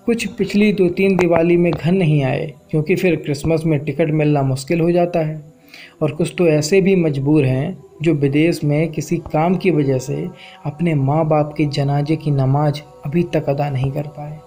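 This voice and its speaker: A man's voice: on the high side, fairly even intonation, normal speed, warm tone, faint music behind. A man narrating a spoken-word story in an earnest, reflective way. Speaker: poet and storyteller.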